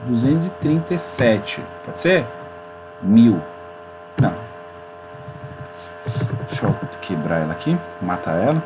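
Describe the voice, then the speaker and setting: A man's voice: medium pitch, sing-song, unhurried, long pauses, dull audio. A man teaching a programming class in a casual, chatty way, talking viewers through his screen. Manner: chatty and informal, addresses viewers as gente. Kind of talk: screen-recorded coding tutorial. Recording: mains hum in background.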